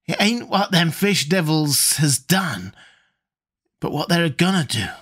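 Man putting on a shrill raving old coot. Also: expressive, unhurried, fairly bright tone, slightly rough, exaggerated voice. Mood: frantic. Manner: shrill, frantic, rustic dialect. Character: terrified raving old male drunkard.

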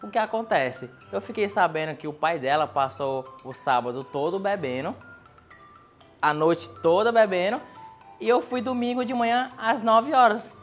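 A man tells a stand-up story, building comic tension. His voice sits high, and faint music plays behind him. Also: normal speed. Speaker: stand-up comedy contestant. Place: TV studio.

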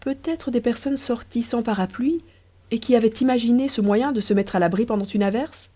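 A woman narrating an audiobook story in a lively, playful storytelling manner. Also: fairly high pitch, a little fast.

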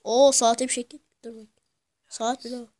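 A woman giving rowdy gameplay commentary, cursing and yelling at the game as she plays. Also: fairly high pitch, flat delivery, moderate pace, slight background noise. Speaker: gamer.

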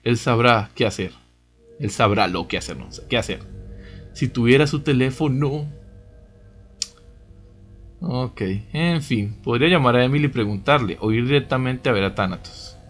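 A man's voice: medium pitch, moderate pace, pauses often, a bit bright. A man doing casual let's play commentary, chatty, reading game dialogue aloud and reacting with exclamations and asides. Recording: music behind the voice. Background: game music.

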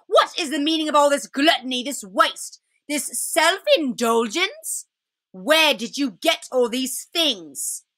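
A woman performs a cruel witch queen from a storybook, haughty and scornful. The voice is raised high and cuts sharply, every word an emphatic command. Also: lively intonation, takes it slowly, a bit bright, heavily acted.

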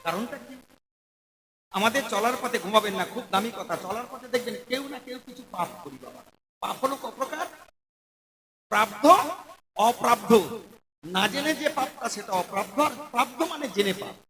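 A man performing a devotional kirtan sermon, lively and questioning the audience as he goes. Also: very high voice, brisk, pauses often, poor audio. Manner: lively, addressing the audience directly and asking them questions. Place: live kirtan gathering. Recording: live crowd audible behind.

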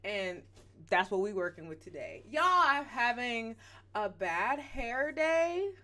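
A woman's voice: on the high side, big pitch swings, slow, bright, forceful tone. A woman hosting a reaction vlog, chatting playfully and animatedly straight to her viewers. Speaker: reaction channel host.

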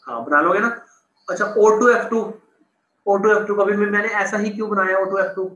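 A man's voice: sits high, a little fast, sharp tone. A young man teaching chemistry in an online class, talking casually, repeating terms and checking that students follow. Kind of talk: online class explaining on a board. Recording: echoey room.

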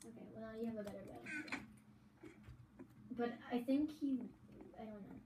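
A woman giving casual, rambling commentary on a friend's game, chatty and easily excited. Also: on the high side, normal speed, echoey room, noisy background.

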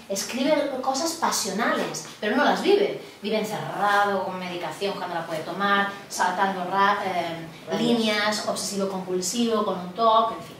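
Woman leading a therapy workshop, animated and questioning; distant mic, clear background noise. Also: mid-range voice, heavy reverb. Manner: animated, digressive, asks the group questions. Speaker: body psychotherapy workshop leader. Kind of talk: informal lecture to a group.

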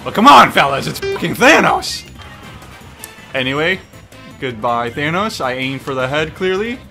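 A man giving excited, casual video game commentary, exclaiming and swearing freely as he plays. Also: fairly high pitch, normal speed, gravelly, faint music behind. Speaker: gaming streamer.

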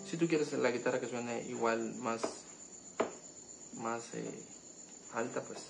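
A man hosting a keyboard tutorial, explaining step by step in a halting, casual way with many fillers and restarts. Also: mid-range voice, steady tone, creaky, poor audio. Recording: loud keyboard music behind.

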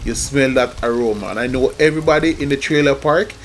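Cooking outdoors over a wood fire, a man shows a recipe and talks directly to his viewers in an upbeat vlog. He has a mid-range voice and talks fast, with oil sizzling, faint music, and slight background noise behind him.

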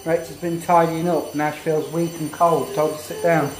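Chatty dad vlogging at home. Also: male voice, a little high, little pitch movement, normal speed, rough recording. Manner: chatty, rambling, addresses viewers as guys. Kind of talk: casual home vlog chat. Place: small home kitchen and living room. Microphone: phone held at arm's length.

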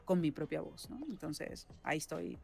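A woman from Venezuela, a voice actress, explaining her work at length in a relaxed interview, often ending thoughts with a questioning tag. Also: deep voice, moderate pace, vocal fry. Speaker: voice actress and singer-songwriter, guest. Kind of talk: casual interview chat.

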